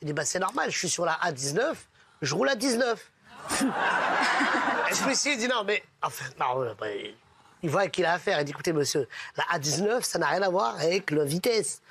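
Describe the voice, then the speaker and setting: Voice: medium pitch, sing-song, brisk, a bit bright, a little hiss or hum. A person telling jokes casually among friends, switching voices for each character. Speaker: joke teller.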